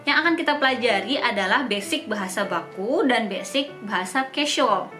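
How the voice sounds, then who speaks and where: A woman's voice: on the high side, animated, normal speed, bright, forceful tone. A young woman whose first language is Indonesian, hosting a casual language tutorial in an upbeat, chatty way and spelling words out letter by letter. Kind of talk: casual explainer vlog. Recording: echoey room with music behind.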